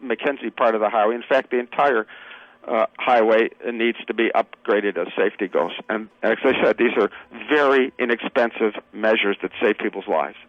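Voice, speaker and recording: A man guest on a radio show, speaking over the phone in an earnest, halting way with many fillers. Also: fairly low pitch, no room sound, muffled recording. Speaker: political candidate guest.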